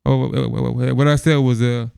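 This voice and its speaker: Fast, gravelly podcast co-host. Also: male voice, medium pitch, fairly even intonation, a little mellow, dry recording, clean studio sound. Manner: stammers and repeats words, agrees a lot. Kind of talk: casual movie chat.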